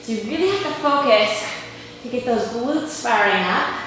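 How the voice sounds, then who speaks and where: Doing push-ups and lunges as she talks, a female fitness instructor encourages her listeners while slightly short of breath and straining. Her fairly high, fairly bright voice has lively intonation at normal speed, recorded in a very echoey room with faint noise behind.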